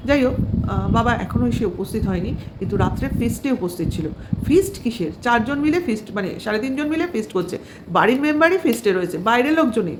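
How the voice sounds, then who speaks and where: Woman, vlogger, sarcastic gossipy commentary, fairly high pitch, faint background hiss. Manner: sarcastic, critical, many fillers and rhetorical questions. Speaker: vlogger commenting on another channel.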